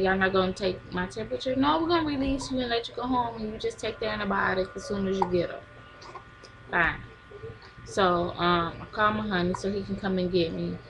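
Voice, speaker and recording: A woman's voice: medium pitch, a bit bright, slight background noise, poor audio. A young woman tells viewers a story in a casual, chatty vlog, laughing often. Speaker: vlogger.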